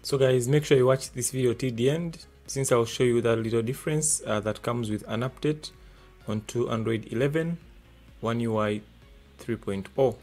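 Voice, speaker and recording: A man's voice: medium pitch, moderate pace, darkish tone, faint music behind. A man hosting a tech tutorial, talking through steps plainly with many filler sounds, recorded at a desk indoors. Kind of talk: step-by-step tutorial narration. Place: desk indoors, hands-only camera.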